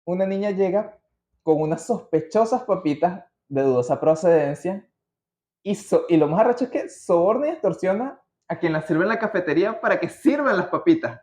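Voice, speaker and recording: A Venezuelan-accented podcast host talks in a high voice with lively intonation, normal speed, and a slightly mellow quality. He riffs casually off his notes, slangy and wandering off topic. The sound is muffled with a roomy feel.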